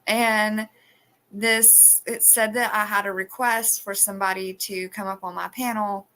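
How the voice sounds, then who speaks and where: A woman's voice: medium pitch, little pitch movement, unhurried, pushed and bright. A woman hosting a live stream, chatting casually and rambling with many restarts. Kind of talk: casual chat. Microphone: phone.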